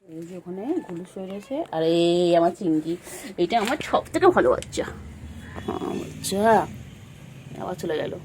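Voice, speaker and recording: A woman's voice: fairly low pitch, normal speed, pauses often, a little mellow, a little hiss or hum. A woman filming her cats at home, talking baby talk to them in a cooing, sing-song way with lots of repeated words. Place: home with pets.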